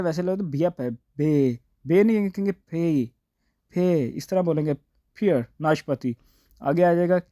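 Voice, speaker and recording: A man running a casual vlog lesson on Korean fruit names, saying each word several times and filling pauses with a stock phrase. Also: a little high, dark tone, no room sound, studio quality. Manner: repeats each word slowly, fills with "theek hai". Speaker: vlogger teaching Korean words.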